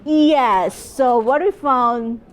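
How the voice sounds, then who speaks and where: A woman's voice: high-pitched, drawn-out words. A middle-aged woman, a professor explaining her research in a conference interview, with many fillers and restarts. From Bangladesh.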